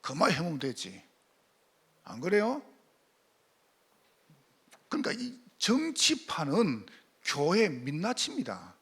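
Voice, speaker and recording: A male pastor delivers a lively sermon, throwing questions at his congregation. His voice sits high and swings widely in pitch. It has a rough, gravelly, husky edge. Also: takes it slowly, pauses often. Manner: animated, rhetorical questions to the congregation.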